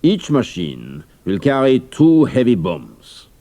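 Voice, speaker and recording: An actor playing a pompous German count and military commander in an audio drama, with a gravelly voice and formal, deliberate delivery. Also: male voice, medium pitch, wildly swooping pitch, mellow, full character voice. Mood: commanding, pompous.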